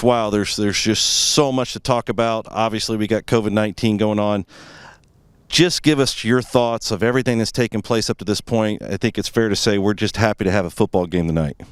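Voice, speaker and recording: A man's voice: fairly low pitch, clear, resonant tone, dry recording, studio quality. An American man hosting a pregame sports show and interviewing as a broadcaster at a football stadium.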